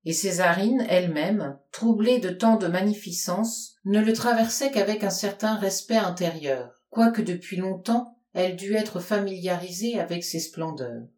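A woman narrating a classic novel aloud in a measured storytelling manner. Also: mid-range voice, darkish tone. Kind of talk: audiobook narration. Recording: roomy echo.

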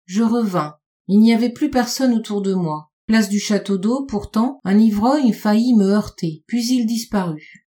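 Mellow-voiced woman reading a literary tale. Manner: measured, slows and lowers her voice on dark repeated phrases. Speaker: audiobook reader. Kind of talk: literary audiobook narration.

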